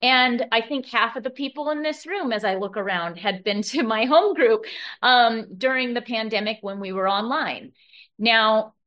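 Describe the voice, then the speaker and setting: A woman's voice: on the high side, fairly bright tone. A middle-aged woman sharing her story at a recovery meeting in a room full of people. She talks conversationally, restarts often and keeps checking in with the room. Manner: conversational storytelling, rhetorical tags, many restarts. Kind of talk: personal share at a meeting.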